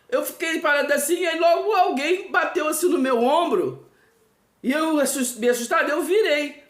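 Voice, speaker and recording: A woman with a Brazilian accent telling a personal supernatural story in a halting, emotional way, full of restarts and nervous laughter. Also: sits high. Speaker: host of a live stream. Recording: echoey room.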